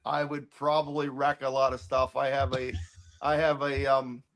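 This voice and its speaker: A middle-aged man, a race car crew member, chats casually as a guest in a racing interview, opinionated and ready to poke fun at himself. His mid-range voice is a bit bright, with flat delivery at a normal speed.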